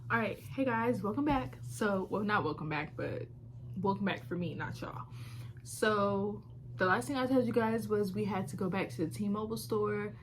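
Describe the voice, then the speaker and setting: A young woman in her twenties talks casually to her phone camera from home, voice sitting at an ordinary middle pitch. She rambles along with plenty of fillers and the odd playful exclamation. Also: normal speed, a little hiss or hum. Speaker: vlogger. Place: at home, indoors.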